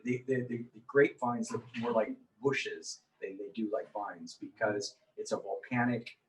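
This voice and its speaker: A man's voice: on the low side, moderate pace, recorded from a distance, slight background noise, poor audio. A man hosting a casual interview, rambling loosely with fillers. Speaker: radio talk show host.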